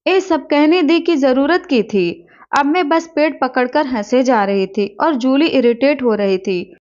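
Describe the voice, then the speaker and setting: A young woman narrating a story in the first person, in a lively, teasing storyteller manner. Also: high-pitched, unhurried. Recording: dull lo-fi recording.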